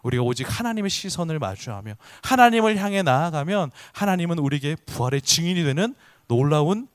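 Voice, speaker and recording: A man's voice: on the high side, no room sound, clean studio sound. A male pastor delivering a sermon in an earnest, emphatic way, posing rhetorical questions to the congregation.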